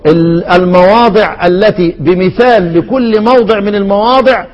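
A man with an Egyptian Arabic accent teaches recitation rules in a high voice. He keeps quizzing his listeners and answering himself, and he lifts his pitch to chant each quoted word. A long reverb trails behind his voice. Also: moderate pace, highs cut off. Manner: asks the class questions and answers them himself, with frequent restarts; chants quoted verse words at a raised pitch. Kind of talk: explanatory lesson on recitation rules.

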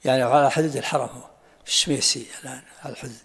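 A man, a sheikh teaching a text who breaks in with quick colloquial explanations and questions; gravelly, husky voice. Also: mid-range voice, fairly even intonation, fairly bright tone. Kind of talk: explaining and commenting during a text reading. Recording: long hall reverb.

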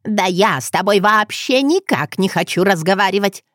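Creaky old crone voice done by a woman, sly and scornful, slow drawl, lively swooping pitch, dry close sound. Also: no echo, close to an everyday voice. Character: sly hunched ancient village witch woman.

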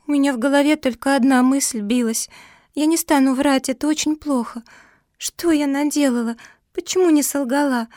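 A woman's voice: high-pitched, expressive, normal speed, hardly any pauses, fairly bright tone, no room sound, studio quality, pitched above the performer's own voice. A woman voicing a small, stubborn, honest girl pug puppy in a storybook reading, insistent and emphatic. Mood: tearful.

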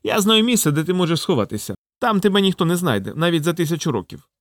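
A man's voice: on the high side, very animated, fast, no room sound, clean studio sound, pitched above the performer's own voice. A man voicing a cunning male wolf in a storybook, with a silky, coaxing manner. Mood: sly. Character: sly smooth-talking male wolf, cunning.

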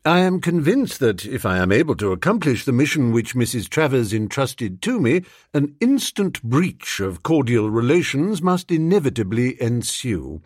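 A man doing a low, unruffled valet. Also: sing-song, darkish tone, husky, dry recording, clean studio sound. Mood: measured. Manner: low, measured, formal and unruffled. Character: imperturbable, deferential manservant.

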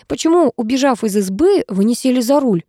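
A methodical male investigator presses with questions and lays out his findings, as a woman reads him. The voice is mellow and the sound close and dry. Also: fairly high pitch, lively intonation, a little fast, no echo, voice pushed up. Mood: probing.

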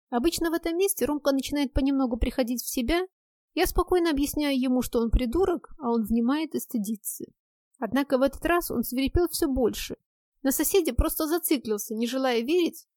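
A woman narrates a first-person audiobook with a wry, ironic delivery. Her voice sits fairly high. The recording is close and dry. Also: warm tone, no room sound.

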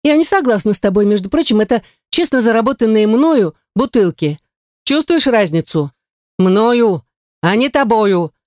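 A woman's voice: mid-range voice, big pitch swings, normal speed, a little mellow, no room sound, studio quality, close to an everyday voice. A woman voicing a sassy young heroine who fires back with cheeky, indignant retorts. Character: sassy young heroine, quick-tongued and defiant.

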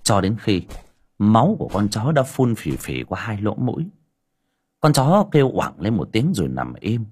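A male storyteller reads an audiobook in a low, husky voice. His delivery is dramatic and expressive, with a lively rise and fall of pitch. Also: moderate pace. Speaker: audiobook narrator. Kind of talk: storytelling narration.

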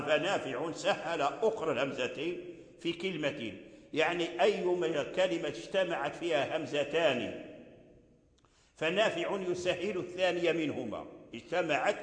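A man, teaching Quran recitation and explaining verse by verse while repeating example words. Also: on the high side. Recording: echoey hall.

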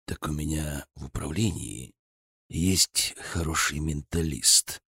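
A stern male colonel of the secret police, growling his interrogation slowly and heavily, as a man reads him. He barks and threatens in a low voice that swings widely. The audiobook sound is dry and close. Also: lively intonation, husky, no room sound, exaggerated voice. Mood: menacing. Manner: barking, slow and menacing.

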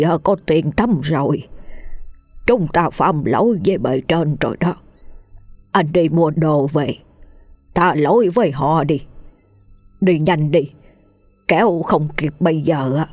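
A woman's voice: sits low, measured pace, long pauses, a little mellow, no room sound. Give me an old village elder warning of bad omens, urgent and superstitious, as a woman storyteller voices him. Dry and close, music playing faintly.

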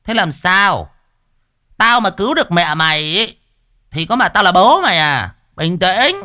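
A man playing a gruff bossy fortune-teller. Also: high-pitched, very animated, moderate pace, sharp tone, pitched above the performer's own voice, heavily acted. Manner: grumbling, bossy.

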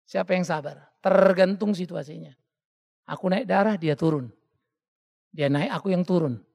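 A man preaching a sermon as a pastor, animated and joking, acting out the voices of the people he quotes. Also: sits high, normal speed, creaky, big-room sound.

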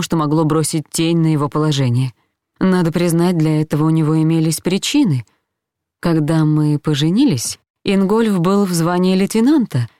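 A woman narrating a first-person novel in a measured, reflective reading voice, close to the mic. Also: low voice, dark tone, no room sound. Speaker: audiobook narrator.

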